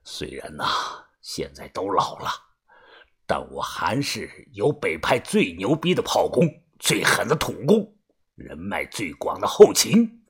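A man voicing a gruff, ruthless old tomb-raider boss in a low, husky mutter. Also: huge pitch swings, measured pace, exaggerated voice. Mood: boastful.

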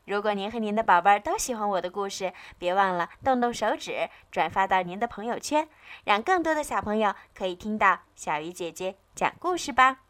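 A woman narrating a bedtime story for children in a gentle, sing-song manner, talking directly to her young listeners. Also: medium pitch, lively intonation, a little fast.

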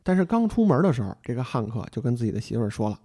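Male storyteller, mellow even tone, casual folksy retelling of a novel. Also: mid-range voice, racing. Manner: chatty, addresses the listener directly, folksy asides. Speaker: book storyteller.

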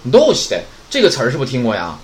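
Talking rapid-fire over a little hiss or hum, this man teaches Japanese words in a relaxed, chatty way. His pitch swings lively as he keeps asking himself questions and supplying the answers.

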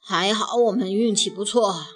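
Woman reader playing a patient storybook dad, soft and hesitant, mid pitch. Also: moderate pace, natural voice. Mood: gentle. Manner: gentle, hesitant. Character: mild, patient father.

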